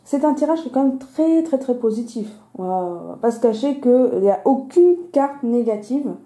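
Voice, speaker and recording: Lisping woman with a very soft, mellow tone. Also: fairly high pitch, animated, moderate pace. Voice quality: slushy lisp on s sounds. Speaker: host of a weekly card-reading video. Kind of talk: casual explanatory card reading. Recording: roomy, echoing sound.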